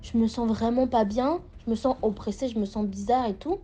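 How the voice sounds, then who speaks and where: A woman's voice: a little high, a little fast, dark tone, slight background noise. A young adult woman telling a personal story in a casual, rambling way, full of fillers and restarts. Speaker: storyteller sharing a personal experience.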